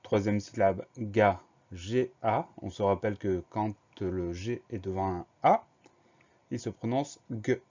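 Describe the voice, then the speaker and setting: A man's voice: on the low side, unhurried, warm tone, highs cut off. A man teaching a spelling lesson to primary pupils, methodically spelling each word out letter by letter.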